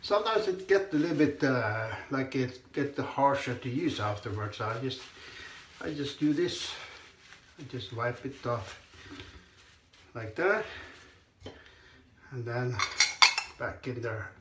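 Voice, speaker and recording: Standing in a cramped tiled bathroom, this hoarse shaving vlogger keeps up casual chat as he shaves, his medium-pitched voice animated but slow and halting, broken by frequent throat clearing. The camera on the counter, an arm's length off, records echo and a little background noise.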